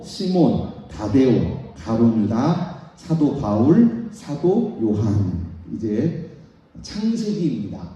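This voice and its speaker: A middle-aged man, a pastor, teaching a Bible lesson in a sermon, reading out lists slowly and with emphasis, recorded in a church. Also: on the high side, warm tone. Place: church sanctuary. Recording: very echoey hall, voice from a distance.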